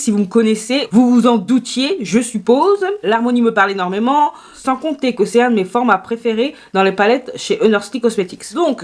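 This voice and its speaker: A woman chatting through a makeup haul video, playful and self-mocking, talking straight to her viewers. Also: on the high side. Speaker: beauty YouTuber.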